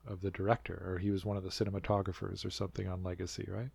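A North American man co-hosts a podcast, rambling casually with lots of fillers and restarts and laughing often. His deep, gravelly voice is darkish, slightly rough and rapid-fire yet flat in delivery, with no room sound.

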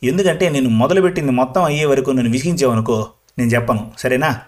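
A man doing a slow, rambling old grandmother. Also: medium pitch, lightly acted. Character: chatty old village grandmother, talkative and proud. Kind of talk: storybook reading.

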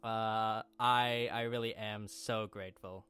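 A tired man speaking slowly and deadpan, as if it is very late at night. His voice is smooth and clear. Faint music plays behind him. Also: lowish voice. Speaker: podcast player.

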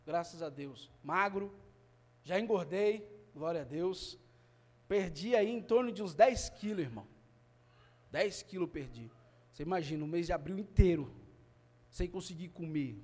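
A man with a Brazilian Portuguese accent preaching a sermon and sharing a personal testimony, his delivery swinging between hushed and fervent. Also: sits high. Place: family church service.

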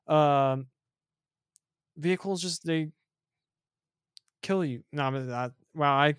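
A man's voice: fairly high pitch, slow, clean tone, dry recording, clean studio sound. A man co-hosting a podcast, talking casually and rambling with lots of fillers, a little winded. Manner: rambling, many fillers, self-interrupting. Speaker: podcast co-host reviewing cards.

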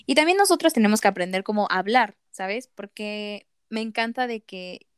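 A young woman with a Mexican accent chatting casually, animated and exasperated, cursing and laughing often. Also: medium pitch, moderate pace, clear, resonant tone, no echo, studio quality. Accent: Mexican Spanish. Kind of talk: casual chat.

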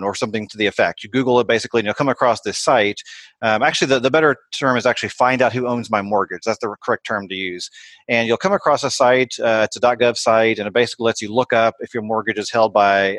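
A man co-hosting a podcast, explaining practical steps in a relaxed, conversational way with frequent fillers. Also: mid-range voice, no room sound. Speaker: podcast co-host. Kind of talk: casual explanatory chat.

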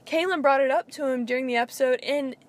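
A woman's voice: sits high, quick pace. A young woman co-hosting a casual pop-culture podcast, rambling with lots of filler words. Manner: rambling, filler-heavy with frequent "like". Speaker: podcast co-host.

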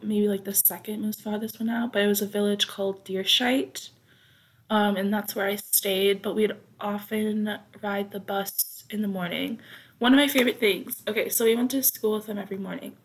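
A young woman hosting a podcast, rambling casually with many fillers, her throat dry as she talks quietly. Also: medium pitch, steady tone, normal speed, breathy edge. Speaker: podcast host.

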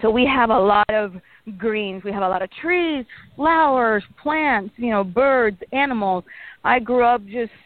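A woman's voice: a little high, animated, a little slow, no room sound. A woman in her thirties with a Panamanian Spanish accent speaks as a guest in a radio interview. Her talk is friendly and chatty, dotted with fillers. The sound is dry and tinny, as if over a phone line. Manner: friendly, chatty, frequent fillers and light laughs. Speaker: guest meteorologist.

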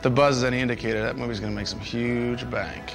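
A man speaking in a film clip, quick and hopeful. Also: medium pitch, fairly even intonation, vocal fry, natural voice. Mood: eager. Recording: movie clip with music behind.

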